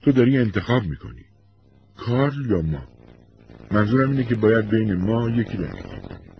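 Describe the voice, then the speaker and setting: A man's voice: fairly low pitch, wildly swooping pitch, gravelly, dull audio, a little hiss or hum, pitched above the performer's own voice, heavily acted. A man voicing a young wife who pleads and insists, in a storybook reading. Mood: cold.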